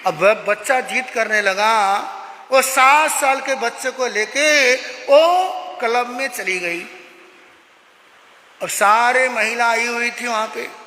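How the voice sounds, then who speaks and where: High-voiced Jain monk preaching. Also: male voice, slow, sharp tone. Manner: emphatic, moralizing, acts out dialogue. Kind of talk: sermon with storytelling. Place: Jain prayer hall. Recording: echoey hall with long reverb.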